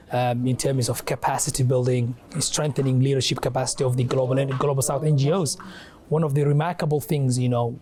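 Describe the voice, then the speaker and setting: A young man from Somalia, a guest adviser and academic, answering interview questions in a halting way with many fillers and restarts. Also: medium pitch, mellow. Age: young adult.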